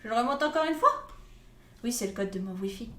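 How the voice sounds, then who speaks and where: A woman's voice: on the high side, lively intonation, brisk, fairly bright tone. A woman hosting a live tournament pool draw, playful and joking with viewers. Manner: playful, laughs often, jokes with viewers. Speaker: host drawing tournament pools. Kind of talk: casual live-stream commentary. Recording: echoey room with faint noise.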